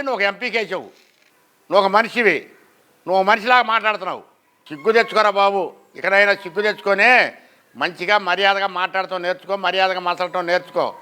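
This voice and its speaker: A man's voice: sits high, bright, forceful tone, smooth. A man, a farmer ranting angrily to a street camera, scolding with insults and rhetorical questions. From Andhra Pradesh, India. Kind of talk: angry public-opinion rant to camera.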